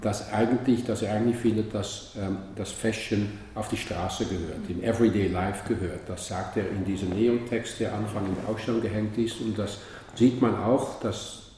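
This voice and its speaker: A man explaining calmly and at length in a conversation about an exhibition. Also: lowish voice. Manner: measured, explaining. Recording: distant, echoey hall with faint noise.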